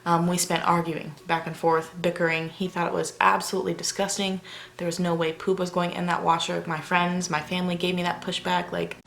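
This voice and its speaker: Low, gravelly-voiced woman chatting. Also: level tone, brisk, a bit bright. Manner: chatty and rambling, keeping her voice down at night. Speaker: parenting vlogger. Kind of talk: casual talk to camera. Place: house at night, family asleep.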